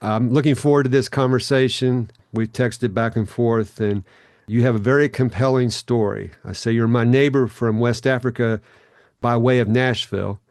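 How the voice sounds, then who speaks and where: A man's voice: medium pitch, fairly even intonation, normal speed, darkish tone, dry recording, studio quality. A middle-aged man hosting a podcast interview and reading an earnest, welcoming introduction. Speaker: podcast host.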